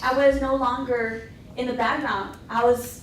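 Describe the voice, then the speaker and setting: A woman's voice: on the high side, measured pace, a little hiss or hum. A woman on a teachers' panel telling stories about her early days in the classroom, acting out what people said to her. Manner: animated, acts out past dialogue in quotes. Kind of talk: conversational panel storytelling. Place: conference room panel. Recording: echoey room, mic at a distance.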